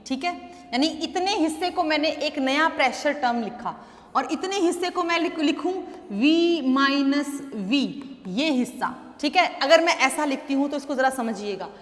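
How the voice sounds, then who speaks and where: Lady teacher lecturing, high voice, slows way down on english terms, calls students beta, long echoey reverb. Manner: addresses students as "beta", checks with "thik hai". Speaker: chemistry teacher. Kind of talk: classroom lecture, Hindi mixed with English terms. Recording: roomy echo with long reverb.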